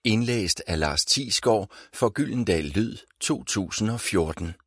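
A man narrating a children's audiobook in a measured, even storytelling manner, recorded on a close studio mic. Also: on the low side, breathy edge, no echo.

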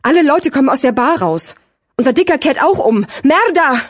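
A woman's voice: on the high side, animated, brisk, breathy edge, no echo, studio quality, voice pushed up. A woman voicing a skinny, wary fourteen-year-old boy in an audiobook, urgent and doubtful. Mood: alarmed. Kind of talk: audiobook character voice.

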